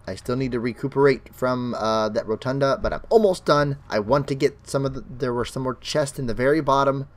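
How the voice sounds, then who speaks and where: A man with a sick, raspy throat talks his way through a game, chatting to himself and his viewers as he plays. His voice sits at an ordinary middle pitch. The delivery is loose, casual let's-play commentary. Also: brisk, few pauses. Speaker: gaming channel host.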